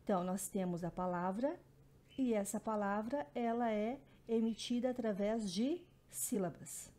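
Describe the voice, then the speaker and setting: Mellow-voiced woman teaching. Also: mid-range voice, measured pace. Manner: explanatory, repeats terms, frequent "né" and "então". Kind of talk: recorded Portuguese phonetics lesson.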